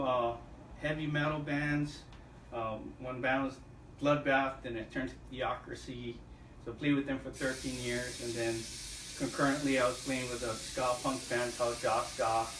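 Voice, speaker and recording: A man from Hawaii talking easily as a guest, often pausing with "uh" while he thinks. He sits some way from the mic in an echoey room with a light hiss underneath. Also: medium pitch. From Oahu, Hawaii. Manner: easygoing, hesitant with many uhs. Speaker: guest, drummer. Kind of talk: casual interview answers. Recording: roomy far-off mic with faint noise.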